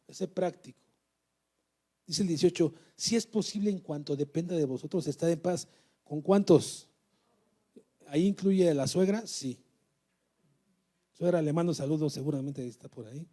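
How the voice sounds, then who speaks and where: A man's voice: fairly high pitch, dark tone. A man preaching a sermon to a church, exhorting and asking the congregation questions. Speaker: pastor.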